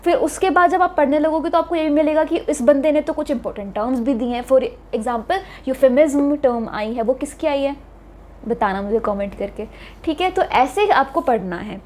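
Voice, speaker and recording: A woman's voice: high-pitched, normal speed, darkish tone. A young woman with an Indian accent giving casual study advice for an exam, chatty and mixing in English phrases. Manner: chatty, keeps saying "theek hai", mixes Hindi and English. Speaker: exam prep tutor.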